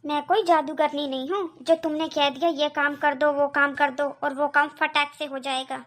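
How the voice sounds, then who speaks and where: A woman's voice: high voice, fairly even intonation, moderate pace, natural voice. A woman voicing a quarrelsome young wife in a cartoon, complaining and arguing. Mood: angry. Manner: complaining, argumentative. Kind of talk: cartoon voice acting.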